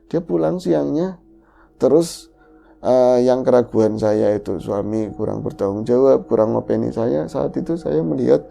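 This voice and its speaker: A man co-hosting a horror podcast, retelling a ghost story in the first person with animated delivery. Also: measured pace, vocal fry, soft background music. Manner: animated, voice jumps high for quoted lines.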